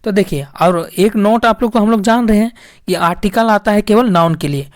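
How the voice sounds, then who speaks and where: A woman's voice: mid-range voice, normal speed, no room sound. Woman English teacher, patient and repetitive, dry close recording. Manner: repetitive, addresses viewers as friends. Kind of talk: explaining grammar lesson.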